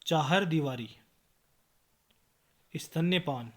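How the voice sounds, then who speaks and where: A man tutoring Hindi spelling, reading out words one by one and correcting common mistakes. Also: fairly high pitch. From India. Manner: slow, word-by-word dictation with corrections. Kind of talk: spelling drill lesson.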